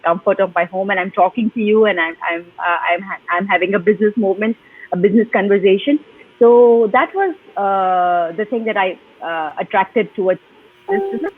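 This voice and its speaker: A woman from Pakistan answers interview questions earnestly, pausing on fillers. Her voice is husky and comes through a tinny, phone-like video call line. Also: mid-range voice. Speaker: guest. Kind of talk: live online interview.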